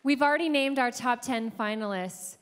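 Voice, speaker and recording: High-voiced woman presenting a pageant. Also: moderate pace, a bit bright, a faint crowd. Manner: scripted, smooth presenter delivery. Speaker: pageant co-host. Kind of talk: live show hosting.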